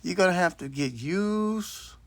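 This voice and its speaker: Older guy in his sixties rambling bluntly into his phone, voice sits kinda high, dry sound. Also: expressive, a little slow, creaky, fairly bright tone, no room sound. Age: 60s. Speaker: vlogger. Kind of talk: casual storytelling monologue. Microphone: self-recorded on a phone.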